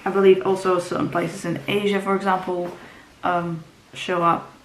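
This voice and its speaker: A woman whose first language is Dutch gives casual book talk to camera in a fairly low, flat voice at normal speed. Rambling, she fills her speech with ums and restarts. A roomy echo, faint ambience, and a slight hiss or hum color the recording.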